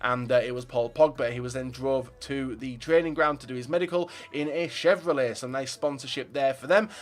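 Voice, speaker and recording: A man's voice: mid-range voice, brisk, faint music behind. A young man chatting through football transfer news for his viewers, opinionated and full of fillers. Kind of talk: casual commentary to viewers.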